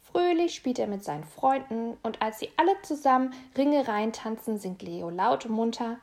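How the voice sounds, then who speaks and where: A woman reads a children's storybook aloud. Her fairly high voice is lively and expressive. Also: moderate pace. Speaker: storybook reader.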